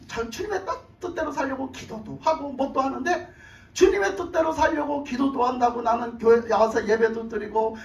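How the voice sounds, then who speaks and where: A man pastor preaching a sermon, telling stories animatedly and firing off rhetorical questions to his congregation in a church. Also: extremely high pitch. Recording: echoey church from far off.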